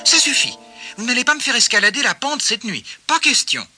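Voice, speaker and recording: A man playing a small storybook animal with a squeaky, very high voice, whiny and stubborn. The tone is bright and jumps around in pitch. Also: big pitch swings, fairly quick, breathy edge, soft background music, heavily acted. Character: grumpy lazy little male animal. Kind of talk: storybook reading.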